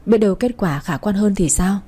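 A woman voicing a caring older woman friend in a storybook reading, speaking in a gentle, soothing way. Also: mid-range voice, a little fast, slightly rough, natural voice.

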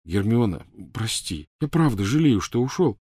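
A man voicing a teenage boy wizard who pleads loudly, blusters and tries clumsy jokes. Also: fairly low pitch, sing-song, moderate pace, slightly rough, dry recording, studio quality, pitched above the performer's own voice. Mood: pleading. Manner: loud, pleading, clumsy joking.

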